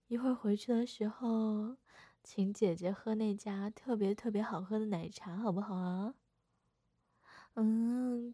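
A woman's voice: medium pitch, dark tone, no room sound. A young woman voicing a playful older sister in a second-person audio role-play, whining and teasing coquettishly. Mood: wheedling.

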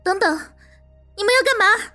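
A woman voicing a proud young woman journalist held prisoner, curt and defiant, rising into high, sharp cries. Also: very animated, brisk, slightly rough, faint music behind, full character voice. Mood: panicked. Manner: cold and curt, turning to high panicked cries. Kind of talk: audio drama acting.

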